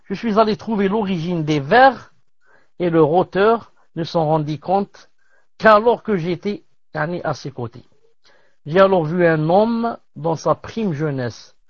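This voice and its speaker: A man teaching as he reads aloud from a classical religious text, pausing to comment and dropping in Arabic religious terms. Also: a little high, no room sound. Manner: measured reading with pauses and Arabic religious terms. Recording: dull lo-fi dry recording.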